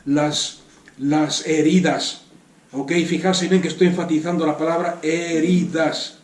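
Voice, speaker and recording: A man's voice: fairly high pitch, steady tone, moderate pace, a little mellow, reverberant, far from the mic. A man from Spain preaching a sermon, earnest, repeating words for emphasis and asking rhetorical questions. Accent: Spanish from Spain. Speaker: pastor.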